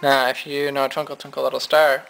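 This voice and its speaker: A man's voice: mid-range voice, level tone, fairly quick, vocal fry, poor audio. A man giving a casual, chatty piano lesson, explaining his points at the keyboard. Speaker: music teacher. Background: piano notes.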